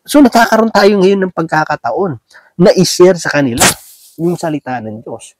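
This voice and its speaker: A man's voice: sits high, big pitch swings, normal speed, background noise. A man with a Filipino accent giving a casual, conversational sermon, often checking in with his listeners and acting out small everyday scenes. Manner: folksy, asks "di ba?" often, acts out little scenes. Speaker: preacher.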